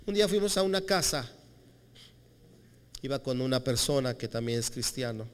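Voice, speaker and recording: A male pastor preaching a lively, conversational sermon, acting out quotes as he tells stories. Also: medium pitch, normal speed, clean tone, in a large hall. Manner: animated storytelling, acting out quotes.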